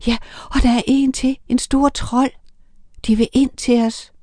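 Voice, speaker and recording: A woman's voice: sits high, little pitch movement, mellow, dry recording, voice pushed up. A frightened young witch girl gasps out a warning, voiced by a woman reading aloud. Her words come breathless and alarmed, recorded close and dry.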